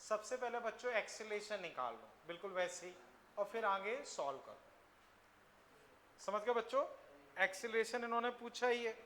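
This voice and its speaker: A man teaching a physics class, often stopping to ask his students if the steps are clear. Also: high-pitched, expressive, normal speed, pauses often, fairly bright tone. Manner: addresses students as children, asks frequent checking questions. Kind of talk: classroom lecture. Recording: echoey classroom, faint noise.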